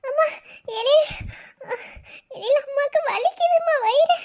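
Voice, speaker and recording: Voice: extremely high pitch, measured pace, darkish tone. A performer voicing a pregnant young mother in a cartoon story, groaning and tearful from labor pain. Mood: strained.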